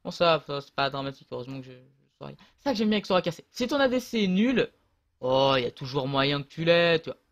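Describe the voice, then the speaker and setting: Man gamer, slightly high voice, rambling casual commentary with lots of fillers, close mic. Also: big pitch swings, quick pace, muffled recording. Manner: rambling, hesitant, many fillers and restarts. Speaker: gamer commentating his own match. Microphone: close desk mic.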